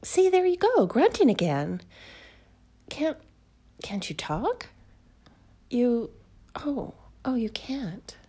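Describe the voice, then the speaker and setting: A woman's voice: mid-range voice, animated, a little slow, darkish tone, breathy edge. A young woman acting a proper, easily flustered young time traveler in an audio roleplay, speaking breathily and often dropping to a whisper. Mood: indignant. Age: young adult.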